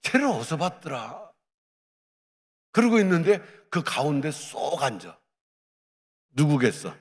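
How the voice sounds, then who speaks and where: A male pastor telling a lively personal story in a sermon, acting out the dialogue as he goes. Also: a little high, a little slow, long reverb tail. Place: church hall.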